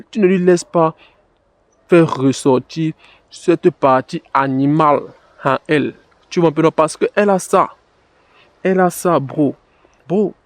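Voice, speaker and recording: A man with a slightly high voice gives blunt dating advice straight to his listener. He talks casually, keeps calling the listener "bro" and leans on a repeated catchphrase. The sound is dry and close. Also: dry recording. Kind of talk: direct-to-camera advice monologue.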